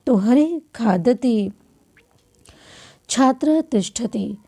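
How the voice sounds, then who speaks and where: Gravelly-voiced woman teaching grammar slowly. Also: a little high, animated, mellow. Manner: explains step by step, asks questions and answers them herself; clears throat often, corrects herself mid-sentence. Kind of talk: classroom grammar lesson.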